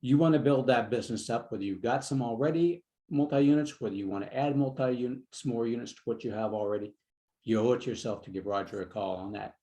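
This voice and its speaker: Fast-talking upbeat podcast host man. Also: mid-range voice, dark tone, low-quality recording. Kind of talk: interview hosting.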